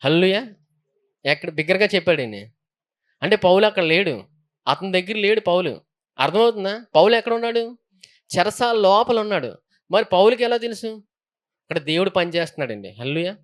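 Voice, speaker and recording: Male pastor, high voice, sermon with Bible reading and call-outs. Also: animated, brisk, long pauses. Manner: preaching with frequent hallelujahs and questions to the congregation.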